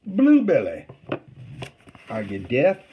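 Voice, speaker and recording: A man voicing a friendly Confederate soldier on picket duty, speaking with a soft Southern drawl. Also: medium pitch, a little slow, creaky, phone-quality sound, a little hiss or hum, voice pushed up.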